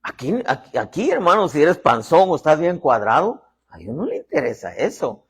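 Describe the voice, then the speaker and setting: Husky-voiced preacher with lively pitch. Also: male voice, moderate pace. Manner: folksy preaching with jokes, calls congregation to repeat phrases. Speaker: apostle preaching. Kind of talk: sermon.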